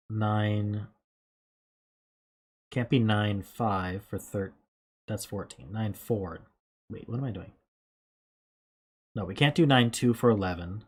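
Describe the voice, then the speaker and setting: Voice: medium pitch, darkish tone. A streamer thinking aloud while working through a puzzle, musing in self-questions and correcting themself in casual commentary. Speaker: live streamer.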